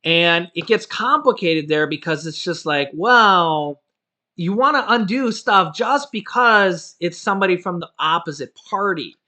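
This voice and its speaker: A man with a fairly high voice talks through the political news in a loose vlog style. His tone is bright and forward, and he wanders, restarts and keeps dropping in "you know" and "of course". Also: animated, unhurried. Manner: rambling, full of "you know" and "of course" fillers; self-correcting, loose talk. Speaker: vlogger on stimulus news. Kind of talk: casual political commentary.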